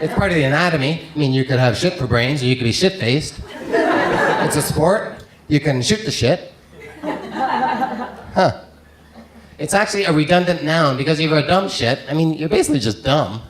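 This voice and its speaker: A man from Canada doing a stand-up routine in a comedy club, delivering deadpan one-liners and mock foreign phrases. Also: on the high side, normal speed, pauses often. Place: comedy club with live audience. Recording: echoey club, loud crowd laughter.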